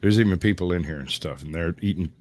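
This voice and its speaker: Male live host, low pitch, Southern US accent, folksy joker, loose chatty rambling, dry sound. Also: fast talker, a little mellow, dry recording. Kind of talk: casual live stream chat.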